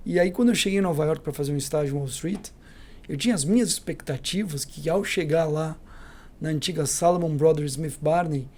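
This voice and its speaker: A middle-aged Brazilian man with a Brazilian Portuguese accent, a company CEO telling lively anecdotes as a podcast guest, acting out the dialogue. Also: on the high side, a little fast. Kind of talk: storytelling in a podcast interview.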